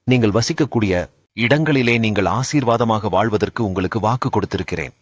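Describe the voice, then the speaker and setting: A man's voice: lowish voice, a little fast, no room sound. A man delivering a devotional message in God's voice, solemn and comforting, addressing listeners as his daughters and sons. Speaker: devotional speaker. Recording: dull, lo-fi and dry.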